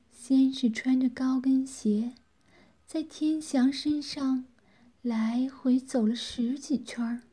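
A woman narrating a story in a soft, hushed whisper. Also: a little high, husky.

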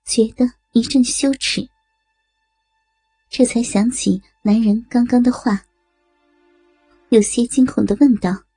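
A woman narrating an erotic audio story in a slow, breathy storytelling manner. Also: on the high side, warm tone, no room sound, faint music behind.

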